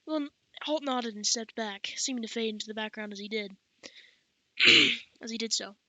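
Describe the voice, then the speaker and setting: A woman's voice: a little high, normal speed, pushed and bright, rough recording. A woman narrating an audiobook, who corrects her own reading slips aloud as she goes. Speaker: audiobook reader.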